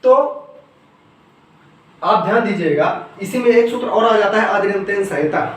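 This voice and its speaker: A man with a high voice teaches grammar step by step, putting a question to his listeners and then answering it himself. He stands back from the mic in a strongly echoing room, with a faint hiss underneath. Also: normal speed. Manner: asks questions and then answers them himself, repeating key terms. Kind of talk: explaining grammar rules step by step. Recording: echoey room, voice from some distance off the mic, faint noise.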